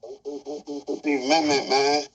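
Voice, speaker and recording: A man's voice: a little high, flat delivery, drawn-out words, low-quality recording. Blunt, profane man in casual talk. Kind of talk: casual roundtable chat.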